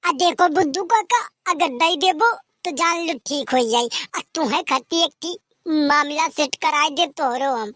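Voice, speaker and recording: A performer voices a cheeky, scheming village lad in an Awadhi comedy cartoon, using an Awadhi accent and a teasing, argumentative, coaxing manner. The voice is high-pitched, pushed, and bright, delivered at a measured pace in a dry recording.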